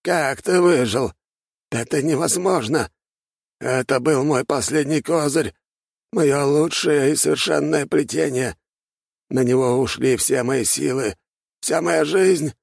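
A man voicing a desperate old male archmage bent on vengeance, shouting in a strained, hoarse voice. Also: mid-range voice, very slow, few pauses, no echo, clean studio sound, voice pushed up. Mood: panicked. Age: older.

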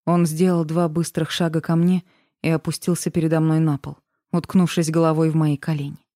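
A woman's voice: deep voice, flat delivery, brisk, warm tone, no room sound, studio quality. Woman reading a dramatic romance audiobook. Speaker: audiobook narrator. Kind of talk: first-person romance audiobook narration.

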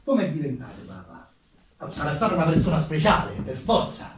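On stage alone, a man with a Roman Italian accent recounts history to an audience with theatrical flair and ironic, colloquial remarks. He's very animated and fairly quick, his voice on the high side, with crowd noise in a very echoey room recorded from a distant mic.

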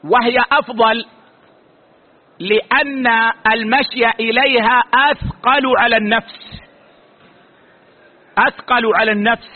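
A man giving a religious lesson as a sheikh, explaining points deliberately and slowly repeating key words for emphasis. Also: very high voice, fairly even intonation. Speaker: sheikh teaching a hadith book. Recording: tinny lo-fi phone-like sound.

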